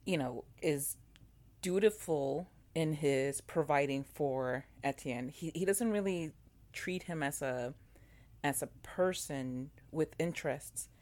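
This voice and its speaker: Deep-voiced woman, talkative co-host, lots of restarts and fillers. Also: slow. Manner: animated, many fillers and restarts. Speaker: podcast co-host. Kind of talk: casual chat about a TV show.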